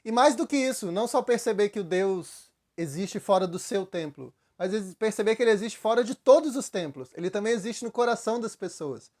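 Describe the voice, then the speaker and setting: High-voiced Brazilian man teaching. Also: fairly quick, hardly any pauses. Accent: Brazilian Portuguese. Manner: relaxed storytelling with frequent fillers, acts out quotes. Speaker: spiritual teacher. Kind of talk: conversational spiritual talk.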